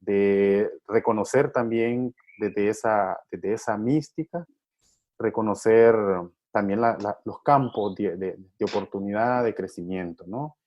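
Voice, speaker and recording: A man's voice: lowish voice, unhurried, a little mellow, lo-fi sound. A middle-aged man from Honduras who works with men's groups, talking reflectively with frequent fillers and repeated words. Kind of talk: reflective conversation.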